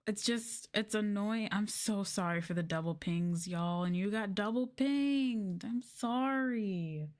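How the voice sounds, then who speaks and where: Speaking slowly in a mid-range voice with a darkish tone, a woman VTuber livestreamer chats casually to her viewers. She's soft-spoken, informal and rambling, saying "like" a lot along with "y'all."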